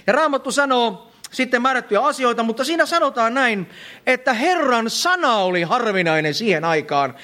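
A man's voice: sits high, fairly bright tone. A middle-aged man preaching a sermon in church, emphatic, repeating phrases and calling the congregation friends.

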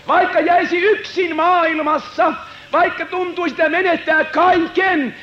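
A man preaching a dramatic revival sermon, swinging from loud proclamation to hushed retelling. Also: very high voice. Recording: roomy, dull lo-fi hall recording.

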